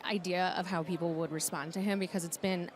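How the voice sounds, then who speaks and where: A woman's voice: fairly low pitch, fairly even intonation, fairly quick, slight background noise. A woman hosting a live red carpet show with upbeat interview chatter.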